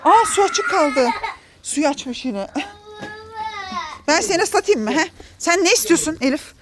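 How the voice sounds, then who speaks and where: A woman's voice: sits high, animated, unhurried, background noise. A woman filming a family vlog outdoors in a garden, coaxing and scolding her children and laughing often.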